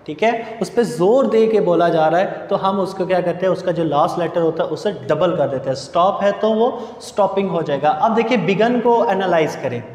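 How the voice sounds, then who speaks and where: Guy lecturing on english grammar, pretty high voice, spells words out slow, echoey room with a long ring. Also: darkish tone. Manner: explains slowly, spells out words letter by letter. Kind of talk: grammar lecture over slides.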